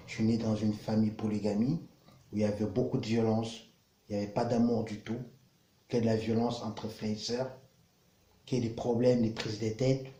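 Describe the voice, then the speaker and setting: A man, praying and then telling his life story in an earnest, halting way, repeating words as he searches for them. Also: fairly low pitch, mellow. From Cameroon. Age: 30s. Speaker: vlogger sharing his testimony. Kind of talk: prayer and personal testimony. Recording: roomy echo with faint background noise.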